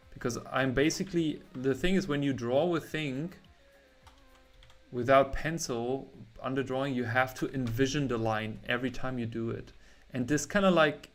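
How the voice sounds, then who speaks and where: A young man from Germany chatting casually with viewers while he draws on a livestream, rambling and breaking off mid-word. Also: mid-range voice. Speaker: artist streaming a drawing session.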